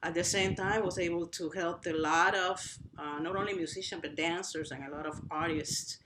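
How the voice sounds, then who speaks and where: A woman's voice: lowish voice, moderate pace, background noise. A woman from Cuba with a Cuban accent, whose first language is Spanish, speaking animatedly on a virtual panel as a nonprofit director. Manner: animated, restarts phrases, uneven pace. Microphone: video call.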